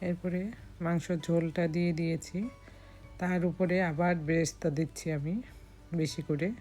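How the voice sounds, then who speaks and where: A hoarse woman from Bangladesh gives calm step-by-step recipe narration as a cooking vlogger. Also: on the low side, normal speed, soft background music.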